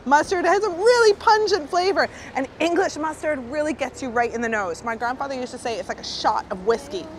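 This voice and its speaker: A woman's voice: high voice, brisk. A woman guiding a food tour, talking in a chatty, enthusiastic way. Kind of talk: guided food vlog. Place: outdoors and inside small food shops. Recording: noisy street background.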